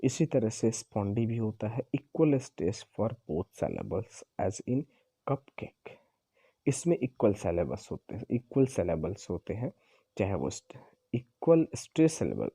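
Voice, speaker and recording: Guy teaching exam prep, really dark husky voice, goes slow and repeats stuff, dry close sound. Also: mid-range voice, no echo. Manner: explains slowly, repeats and corrects himself. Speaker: English teacher.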